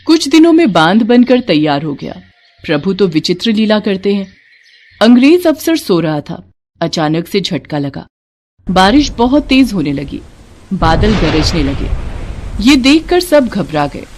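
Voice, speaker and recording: A woman narrating devotional stories in an expressive, dramatic way. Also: mid-range voice, a little slow. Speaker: storyteller.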